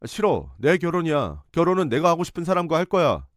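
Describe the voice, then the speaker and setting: A man's voice: medium pitch, very animated, brisk, no room sound, studio quality, voice pushed up, natural voice. A man doing a weepy pleading young man. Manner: pleading, begging.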